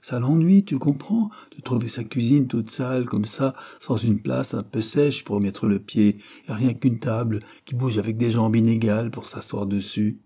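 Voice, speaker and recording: A man's voice: medium pitch, moderate pace, few pauses, mellow, husky. A man voicing a meek, timid little working man who speaks plaintively and hesitantly.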